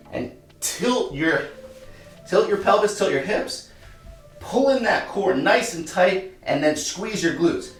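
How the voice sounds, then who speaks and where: Breathless fitness coach in an echoey room. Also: male voice, high voice. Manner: demonstrating while explaining, short of breath at times. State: out of breath at times. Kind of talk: workout tutorial. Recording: roomy echo, mic at a distance.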